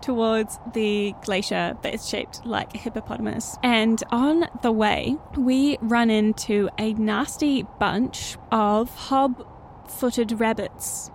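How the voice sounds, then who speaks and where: Higher-pitched, giggly woman improvising a story. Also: fairly even intonation, slow, vocal fry, darkish tone, a little hiss or hum. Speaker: co-player in an improvised storytelling show. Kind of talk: playful improvised group storytelling.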